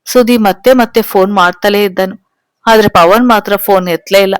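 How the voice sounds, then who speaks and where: A woman tells a storybook tale, steady and close to the mic. Her voice sits at an ordinary middle pitch, and the recording is dry with no room sound. She reads the characters' lines without changing her voice much. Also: normal speed, smooth, dry recording. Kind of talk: storybook narration with dialogue.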